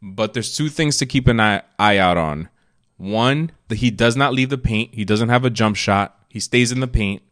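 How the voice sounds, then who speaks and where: A man's voice: on the low side, moderate pace, a bit bright. A man co-hosting a podcast, giving blunt, opinionated takes in casual sports chat and swearing freely. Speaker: podcast co-host.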